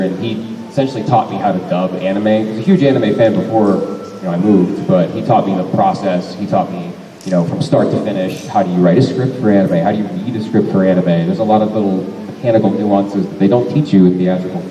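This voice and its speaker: At a fan convention panel in a large hall, a young voice actor answers questions, rambling and often correcting himself. His voice is low, warm and quick, picked up by a distant mic in an echoey space with faint noise.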